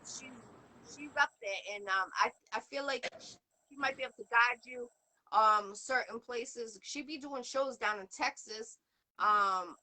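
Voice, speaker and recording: High, bright-voiced Boston woman host. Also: unhurried, rough recording. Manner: earnest, rambling with many fillers. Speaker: show host. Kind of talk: casual interview chat.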